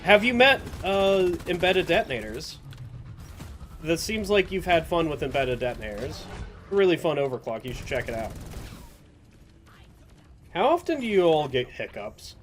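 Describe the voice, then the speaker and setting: A man's voice: fairly high pitch, very animated, normal speed, pauses often, slight background noise. Rambling chatty man narrating gameplay. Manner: rambling, chatty, self-mocking, trips over words. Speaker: gameplay commentator. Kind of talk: casual gameplay commentary.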